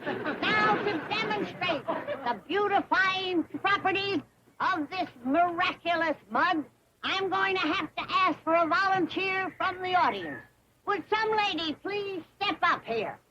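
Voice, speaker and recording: Scrappy old hillbilly granny, high, slow-talking, wheedling, barker patter. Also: female voice, animated. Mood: barking. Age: older. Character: feisty old hillbilly granny, self-styled doctor. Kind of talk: 1960s sitcom acting. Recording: dull lo-fi TV audio with noise.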